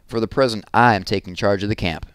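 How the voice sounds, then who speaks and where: A man reading aloud, voicing a commanding, easily outraged female official who gives brisk orders. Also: fairly low pitch, fairly bright tone, smooth, dry recording, studio quality, lightly acted.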